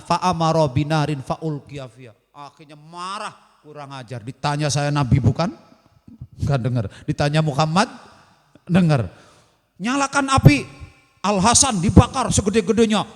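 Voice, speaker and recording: A man preaching at a religious study session, telling a story and putting questions to his listeners, then answering them himself. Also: on the high side. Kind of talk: Islamic study sermon on radio. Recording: radio broadcast with long hall reverb.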